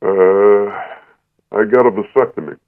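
A man in his thirties calling in anonymously, his voice disguised deep by a voice changer, talking bluntly and without apology. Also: steady tone. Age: 30s. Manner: blunt, unapologetic, halting. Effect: voice changer making it disguised and deep. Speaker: anonymous caller. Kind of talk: call-in radio conversation. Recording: tinny phone line.

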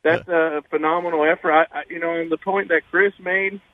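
A man calling into a radio show over the phone, talking haltingly with many uh and you know fillers. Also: fairly high pitch, steady tone, no room sound. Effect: phone-line caller on a radio show. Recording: tinny phone line, dry.

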